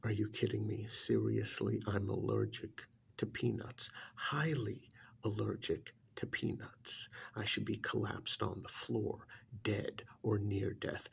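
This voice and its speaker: In an ASMR roleplay, a man plays a bitter, contemptuous alien creature posing as an uncle. His full character voice is lowish and a bit bright, with a stern, emphatic, gravelly delivery that sometimes turns breathy.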